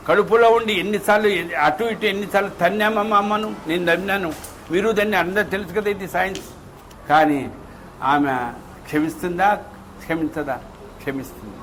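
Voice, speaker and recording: A man's voice: sits high, a little hiss or hum, rough recording. A man giving a devotional discourse to a gathering, telling stories with acted-out dialogue and rhetorical questions. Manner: animated storytelling, acting out dialogue with rhetorical questions. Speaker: spiritual speaker. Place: devotional hall.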